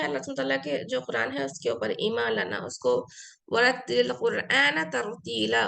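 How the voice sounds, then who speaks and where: A woman's voice: high-pitched, creaky, a bit bright. A woman teaching an Arabic class, explaining patiently, repeating key words and slipping into English phrases; her first language is Urdu. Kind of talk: online class lecture.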